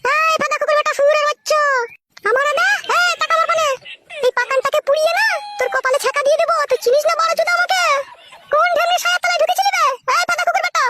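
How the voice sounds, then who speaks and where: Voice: very high voice, fairly even intonation, very fast. A performer voicing a foul-mouthed, brawling village wife who screeches insults, over a noisy background. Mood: scolding. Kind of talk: comic sketch acting.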